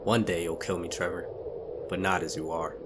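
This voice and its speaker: A man's voice: fairly low pitch, very animated, normal speed, heavy background noise. A man voicing a cruel, boastful warrior commander with a coarse, menacing manner, over guitar music. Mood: gloating menace. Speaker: villain.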